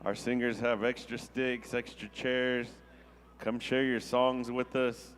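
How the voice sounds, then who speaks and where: A man's voice: mid-range voice, little pitch movement, takes it slowly. A man working as a powwow emcee, making announcements in a folksy, joking, informal way.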